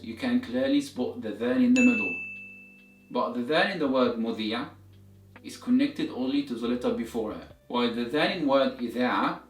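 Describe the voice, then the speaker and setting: A man giving a step-by-step language lesson as a teacher, explaining methodically and repeating examples for learners. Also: mid-range voice. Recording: roomy echo, distant mic, music behind.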